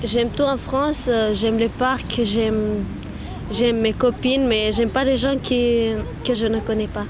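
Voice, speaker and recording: A woman's voice: fairly high pitch, steady tone. A twelve-year-old girl from Romania, talking hesitantly about her arrival in France. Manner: slow, hesitant. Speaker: interviewer. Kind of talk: telling her story. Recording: street noise.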